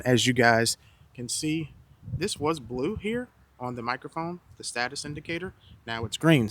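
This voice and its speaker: A man's voice: mid-range voice, a bit bright. Man on a wireless lapel mic with noise reduction processing. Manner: chatty and self-correcting, often second-guessing his own terms. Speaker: wedding videographer reviewing a wireless mic. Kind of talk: casual product review vlog. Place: outdoors near a road, with wind.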